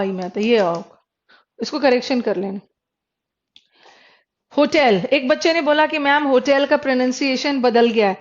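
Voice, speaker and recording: High-voiced woman teaching pronunciation. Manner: explains pronunciation by sounding out letters, switches between Hindi and English. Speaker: English teacher for exam prep. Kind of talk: classroom lecture. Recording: dull lo-fi recording.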